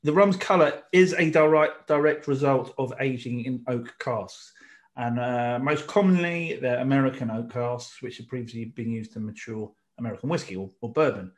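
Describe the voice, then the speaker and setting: A middle-aged man co-hosting a relaxed podcast about tasting drinks gives long explanations that keep stopping and starting over. He speaks at normal speed in a mid-range voice.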